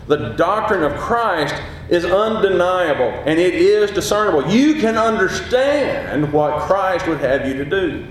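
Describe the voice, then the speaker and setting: A gruff, booming male voice delivers a sermon with passion, pressing hard on key points and building to rising peaks. It echoes through a very reverberant hall over a faint low rumble.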